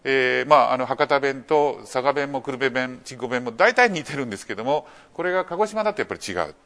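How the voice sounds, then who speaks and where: A man giving a public lecture, explaining in a measured way with many fillers and rhetorical questions to the audience. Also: medium pitch, expressive, fairly bright tone. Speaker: lecturer on archaeology.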